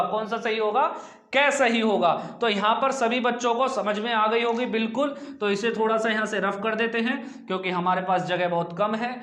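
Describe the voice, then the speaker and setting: High-voiced male Hindi tutor, echoey room. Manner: lively, acts out students' questions and answers them himself; repeats questions to the class and drags out sounds. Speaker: Hindi grammar teacher. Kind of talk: exam coaching lesson at a whiteboard. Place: small coaching room with a board.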